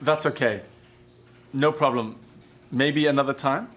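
A man's voice: mid-range voice, slow, fairly bright tone, a little hiss or hum. An actor playing a friendly young man in a scripted course dialogue, casual and inviting.

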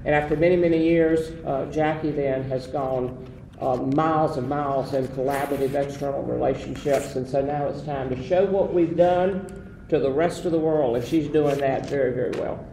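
With a warm, somewhat high voice showing vocal fry, an older Southern man speaks at normal speed with fairly even intonation. He is a former association president reminiscing in an interview and rambling with many fillers. A distant mic gives a roomy sound with faint noise.

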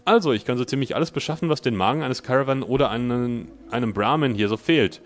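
A man's voice: mid-range voice, fast talker, faint music behind, lightly acted. A man voicing a slick, friendly male merchant who brags about his deals, in upbeat salesman patter. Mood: chummy sales pitch. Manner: upbeat salesman patter, read aloud from the game's dialogue.

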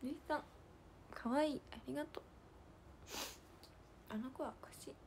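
A woman's voice: high-pitched, moderate pace, a little hiss or hum. Chatty young woman with a lilt. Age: young adult. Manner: chatty and giggly, dropping to soft near-whispers to thank viewers. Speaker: idol livestream host. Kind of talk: casual livestream chat reading fan comments.

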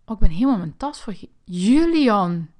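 A woman's voice: mid-range voice, big pitch swings, brisk, darkish tone, a little hiss or hum, natural voice. A woman voicing a firm, scolding mother in a toy figure play video.

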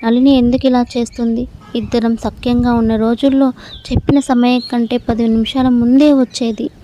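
A woman reading a short story aloud in the first person, in a steady storytelling manner. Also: on the high side, moderate pace, a little hiss or hum. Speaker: story narrator.

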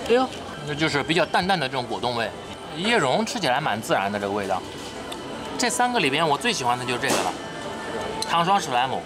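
A man's voice: medium pitch, sing-song, fast, over music. A young man hosting a food vlog in an indoor cafe, chatting casually and exclaiming at each dish on a handheld camera mic. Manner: upbeat, chatty, exclaims at the dishes. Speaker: food vlogger host. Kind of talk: casual chat while tasting food. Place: indoor themed cafe and shop.

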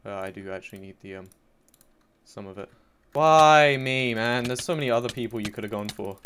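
Low-voiced man joking through gameplay. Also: fairly even intonation, fast talker, fairly bright tone. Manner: mock-boastful, joking, self-mocking. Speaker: gaming YouTuber. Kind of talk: sarcastic gameplay commentary. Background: faint keyboard and mouse clicks.

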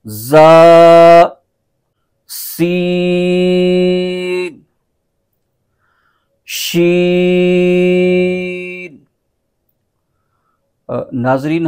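A Quran teacher, reciting letter names in long drawn-out syllables, then explaining in quick low asides. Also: male voice, a little mellow. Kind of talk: slow recitation lesson.

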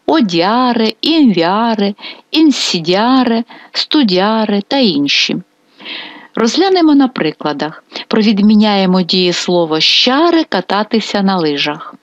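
A woman teaching a video grammar lesson, slowly and carefully drilling verb forms one by one. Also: mid-range voice, very animated, no echo, highs cut off. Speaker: Italian language teacher.

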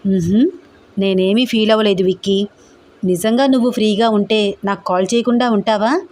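Woman reading as a sweet young college girl, soft and pleading, mid-pitched voice, caring girlfriend on a call. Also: steady tone, moderate pace, lightly acted. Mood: affectionate. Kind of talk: audio story reading.

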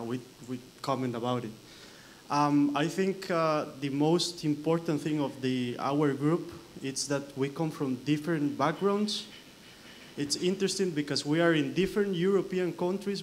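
A young man from Costa Rica speaks on a conference panel with a fairly high voice. He is earnest and pauses with fillers as he gathers his thoughts. Faint hall ambience hangs behind him. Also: a little hiss or hum. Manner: earnest, searching for words with fillers. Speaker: researcher answering a question.

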